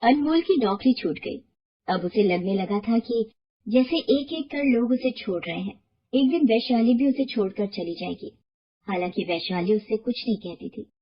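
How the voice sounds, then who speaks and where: A woman tells a bedtime moral story in steady, scripted narration. Her voice is slightly high. The recording sounds muffled and lo-fi. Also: moderate pace, husky. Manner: steady, explanatory.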